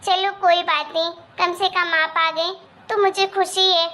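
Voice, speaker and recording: Cartoon daughter-in-law, sweet and gushing, slow, high and bright, played by a woman. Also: little pitch movement, heavily acted. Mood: welcoming. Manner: polite, gushing. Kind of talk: animated cartoon voice acting.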